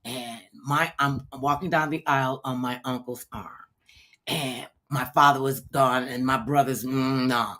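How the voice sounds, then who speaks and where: A middle-aged woman hosting a talk show, telling a story in a casual chat. She acts out the voices of people she quotes and gets loud to make a point. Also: a bass voice.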